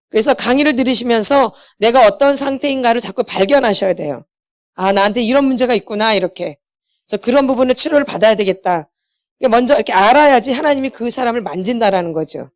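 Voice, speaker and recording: A woman's voice: fairly high pitch, no echo, clean studio sound. A middle-aged woman, a pastor's wife, giving a church healing lecture, asking her listeners questions and repeating the key words back to them. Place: church hall.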